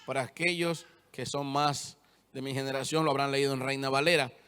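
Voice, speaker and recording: A man's voice: medium pitch, steady tone, a little fast, bright, forceful tone, clean tone. A young man preaching a sermon, retelling scripture and driving his points home with firm repetition. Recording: long church-hall reverb.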